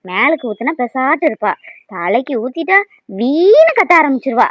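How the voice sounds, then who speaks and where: A woman voicing a bossy young mother in a cartoon who scolds and threatens in loud bursts. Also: sits high, sing-song, moderate pace, heavy background noise. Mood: scolding.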